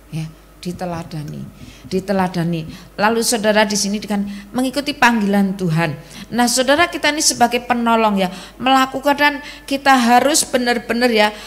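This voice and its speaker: A woman's voice: on the high side, fairly bright tone. Middle-aged woman preaching. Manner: conversational storytelling, Javanese-tinged Indonesian. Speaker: evangelist preaching to a women's service. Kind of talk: sermon.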